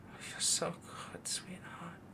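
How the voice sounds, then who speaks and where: Cooing pet names in a soft, breathy half-whisper, a man plays a young werewolf boyfriend who is doting yet possessive and dominant, rambling through the intimate roleplay. He takes his time, sounding close to his everyday voice, and the mood is adoring.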